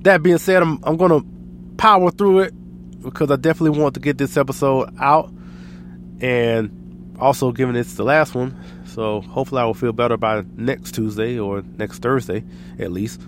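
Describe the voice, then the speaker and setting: An American podcast host with a stuffy, allergy-congested nose rambles casually and self-deprecatingly, chuckling at himself. His voice is mid-range at a moderate pace, with a little hiss or hum in the recording.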